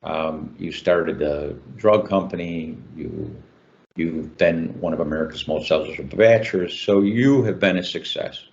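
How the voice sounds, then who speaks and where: A man's voice: deep voice, a little slow, gravelly, a little mellow, lo-fi sound. An older man from Chicago, an author answering interview questions in a talkative way, with many fillers and restarts. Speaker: author guest.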